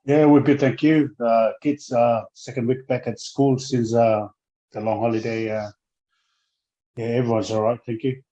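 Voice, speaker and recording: A man's voice: mid-range voice, little pitch movement, normal speed, mellow, muffled recording. A man in his forties from Samoa, speaking in a casual interview as a guest, hesitant and full of fillers and restarts. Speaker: guest, former rugby player.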